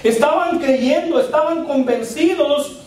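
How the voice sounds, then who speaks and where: A man preaching a sermon as pastor, with pauses, letting his voice drop at the ends of lines. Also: very high voice, a little mellow. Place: church hall. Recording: very echoey church hall from far off.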